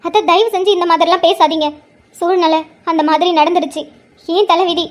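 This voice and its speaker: A woman's voice: very high voice, steady tone, fairly quick. A woman voicing a hurt young mother who speaks emotionally and tearfully but stands firm. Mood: pleading. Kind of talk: cartoon drama voice acting.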